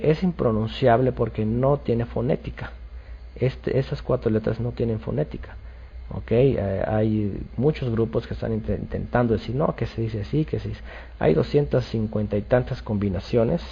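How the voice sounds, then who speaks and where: A man's voice: on the low side, warm tone, husky, muffled recording. A man giving a bible study lecture, explaining step by step and often checking with "ok?" amid hesitant fillers. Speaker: bible teacher.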